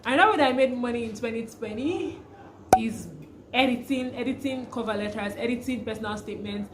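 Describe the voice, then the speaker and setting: A young Nigerian woman, a vlogger and freelancer, chats casually to camera with a Nigerian accent, often restarting sentences and laughing through her stories. Her voice is on the high side and brisk, and the recording is very noisy.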